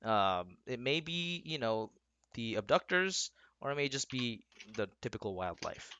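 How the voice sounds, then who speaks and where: A man's voice: mid-range voice, sing-song, measured pace, pushed and bright, dull audio. A young man running a tabletop game as dungeon master, hesitant and full of ums.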